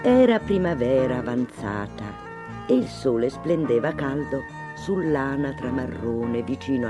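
Storyteller, male, unhurried and very animated fairy-tale reading, soft music behind. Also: mid-range voice. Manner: expressive, dramatic storybook delivery.

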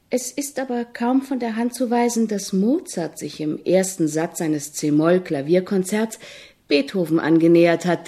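In a radio play, an actress with a dark tone portrays a persistent, highbrow woman music journalist who asks formal, wordy questions.

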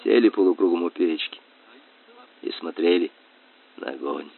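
A man narrating a children's story in an expressive, lively reading voice. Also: deep voice, normal speed, creaky. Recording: tinny dry phone-like sound.

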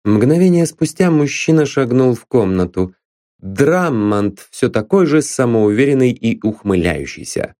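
A man reading an audiobook aloud as narrator, with an expressive, dramatic delivery. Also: mid-range voice, a little slow, no echo, studio quality.

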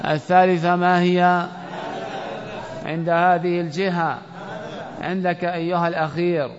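A man's voice: high voice, level tone, a little slow, a crowd in the background. Man teaching in a reverberant hall. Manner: quizzes students, calls on them by name. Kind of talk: classroom Arabic grammar lesson with questioning. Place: classroom or mosque hall. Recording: lo-fi recording with long hall reverb.

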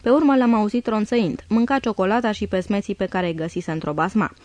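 A woman reads a diary aloud in the first person. Her pace is calm and measured, and her voice sits at an ordinary middle pitch. The recording is dry and close to the mic, with no room sound. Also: no room sound. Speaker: audiobook reader. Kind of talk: diary reading.

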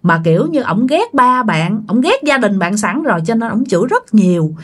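A woman's voice: a little high, very animated, moderate pace. A woman telling a ghost story in a chatty, casual way, talking straight to her listeners. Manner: chatty, addresses listeners directly.

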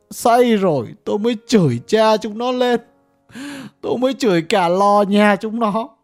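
In a slow but lively audiobook character voice of medium pitch, a reader plays a bitter old villager, once an official. Grieving, he rants and curses coarsely.

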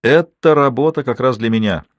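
Brief: self-assured husband, casual and smug, narrator's own take, dry audiobook. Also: male voice, medium pitch, moderate pace, no room sound, natural voice. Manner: offhand, self-satisfied.

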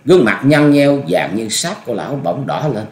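A man narrating a martial arts story with an expressive, dramatic reading. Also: medium pitch, moderate pace. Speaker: audiobook narrator. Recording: echoey room.

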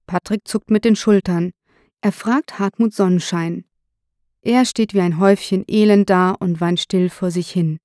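A woman narrating a crime audiobook in a measured, even reading. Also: medium pitch, dry recording, clean studio sound. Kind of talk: scripted narration.

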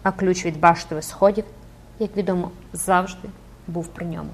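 A woman's voice: on the low side, steady tone, normal speed, a little hiss or hum. A woman narrating an audiobook dramatically and expressively, rising with the action.

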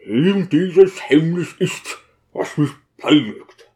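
A man reads aloud as a stubborn deacon sunk in grief. He grumbles in a sulky, weary tone, slow and unhurried in his delivery. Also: fairly high pitch, expressive, a little mellow, voice pushed up. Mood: grumbling. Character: grieving, brooding male deacon, stubborn.

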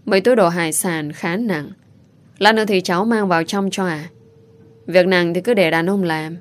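A woman voicing a gentle, loving young father who speaks softly and tenderly. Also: lowish voice, moderate pace, natural voice. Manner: soft and tender.

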